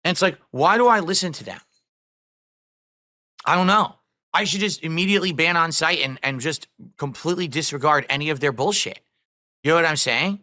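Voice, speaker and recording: A man's voice: fairly high pitch, fairly quick, pauses often, sharp tone. A man livestreaming an agitated, defiant rant to his viewers, swearing and hammering his points home with emphatic repetition. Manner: emphatic, repeats phrases for stress. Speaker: live streamer.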